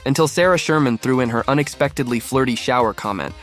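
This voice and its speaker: A man's voice: medium pitch, fast, a bit bright. A man reading scripted narration for a compilation video. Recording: music under the voice. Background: background music.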